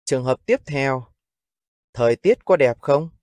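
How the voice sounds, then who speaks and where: A man with a Vietnamese accent teaching English phrases, repeating each one slowly and deliberately. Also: medium pitch, expressive, darkish tone, no room sound.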